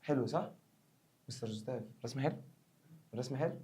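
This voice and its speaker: A man speaking with an Egyptian Arabic accent, giving a recorded science revision lesson in a playful, joking way. He quizzes the viewer with quick questions and slows down when he reads English text. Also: medium pitch, dark tone, slightly rough. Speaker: science teacher.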